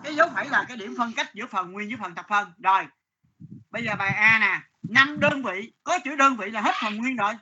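A man teaching math to a class, stern and scolding, dictating numbers slowly. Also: high voice, bright, forceful tone, husky, dull audio.

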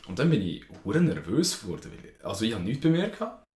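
Deep-voiced young Swiss German man. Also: fast. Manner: slangy, animated anecdote telling. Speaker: podcast co-host. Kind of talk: casual chat, storytelling. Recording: echoey room.

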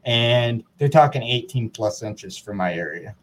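A man's voice: medium pitch, lively intonation, a little slow. A man hosting a casual podcast interview, friendly, chatty and easygoing. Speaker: podcast host.

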